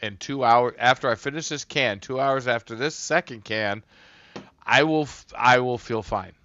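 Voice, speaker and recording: A man's voice: medium pitch, moderate pace, bright, forceful tone, no echo, highs cut off. A man hosting a casual livestream, rambling and a bit tipsy from a couple of beers, talking loosely and swearing to his chat. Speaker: livestream host.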